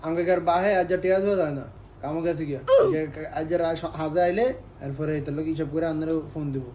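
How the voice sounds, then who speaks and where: A man, acting in a comic sketch and talking in a loud, pleading way, often laughing. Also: fairly high pitch, steady tone, quick pace. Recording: noisy background.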